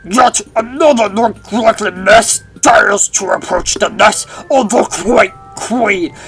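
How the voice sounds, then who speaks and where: A woman's voice: mid-range voice, slow pace, a bit bright, slightly rough, soft background music, full character voice. A woman voicing a haughty, regal creature queen from a game, her voice run through a voice changer and speaking in a grandiose, scolding way.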